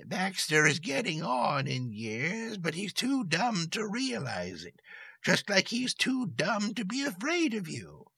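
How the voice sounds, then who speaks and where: A man's voice: sits high, huge pitch swings, gravelly, bright, forceful tone, breathy edge, no room sound, pitched above the performer's own voice, heavily acted. A man playing a cool, stern old woman. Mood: wry. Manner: cool, firm, slow and deliberate.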